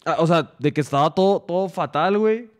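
A young man with a Mexican accent hosts a loose livestream and reads viewer stories aloud. His voice sits high and his talk is packed with slang and casual swearing. He laughs often between lines. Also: brisk. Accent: Mexican Spanish. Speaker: streamer.

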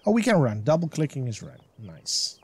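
A man in the middle of a let's play, chatting casually and excitedly as he explores a game and talks his thoughts through. His voice sits at an average pitch and sounds close to a desk mic. Faint game music sits in the background. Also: moderate pace. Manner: enthusiastic, chatty, thinks aloud. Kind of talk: casual gameplay commentary.

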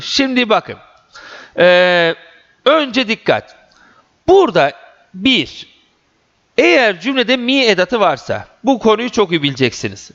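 A man's voice: high-pitched, a bit bright. A man teaching a grammar lesson for exam preparation, emphatic and repeating key points to his students. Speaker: Turkish teacher. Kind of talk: exam prep grammar lecture. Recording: dull lo-fi recording.

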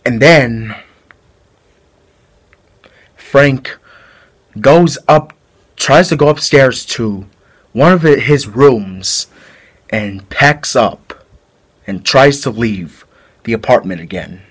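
A man playing a male killer who confesses a brutal fight in a halting, rambling way, in an amateur home-video drama. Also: mid-range voice, animated, husky, full character voice. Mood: flat confessing. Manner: halting, rambling storytelling with restarts.

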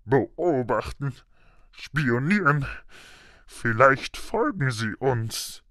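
A man's voice: fairly high pitch, huge pitch swings, extremely slow, pushed and bright, smooth, no room sound, studio quality, pitched above the performer's own voice, heavily acted. A man doing a blustering bully of an uncle. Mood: uneasy. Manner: barking, stammering when rattled. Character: blustering, panicky middle-aged uncle, bullying. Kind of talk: audiobook character voice.

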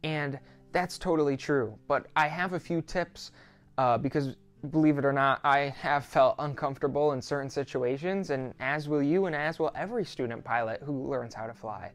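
Here the sixteen-year-old YouTuber, a student pilot, uses a medium-pitched voice at an ordinary speed. Addressing the camera indoors from a small, quiet home office, he walks viewers through things in a calm, chatty, comforting manner.

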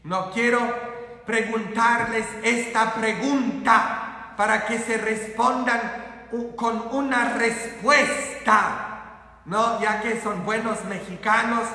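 A man who is a priest, speaking Spanish, giving a lively, teasing Easter sermon and asking the congregation questions. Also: sits high. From Poland. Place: church. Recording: echoey church from a distance.

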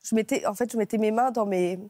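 A woman speaks as a guest on a television talk show, recounting a personal ordeal. Her voice is mellow and warm, recorded dry and close on a lapel mic. She talks haltingly, breaking off and restarting as she searches for words. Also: on the high side, no room sound. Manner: halting, emotional retelling with many restarts. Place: TV studio set.

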